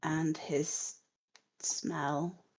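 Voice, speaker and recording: Woman doing a raised dead woman, faint whisper, halting, low, very slow, hollow and distant. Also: flat delivery, darkish tone, breathy edge, heavily acted.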